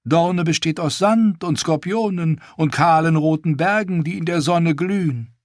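A fawning court steward with an affected manner, put on by a male reader. The voice lifts somewhat above the reader's own pitch and stays dry and close. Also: a little slow, a little mellow, dry recording, close to an everyday voice. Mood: disdainful.

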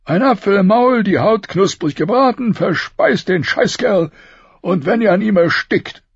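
A man voicing a dying, wounded king who speaks in a strained, pained way with loud outbursts. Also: high-pitched, expressive, unhurried, breathy edge, no echo, dull audio, voice pushed up, exaggerated voice. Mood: pained, bitter. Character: dying wounded male king, gruff and bitter. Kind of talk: audiobook character voice.

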